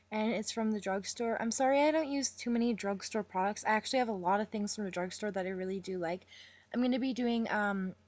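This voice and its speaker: A young woman talking casually through her makeup routine in a voice-over, chatty and rambling, with fillers and quick apologies. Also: medium pitch, dry recording. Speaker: makeup vlogger.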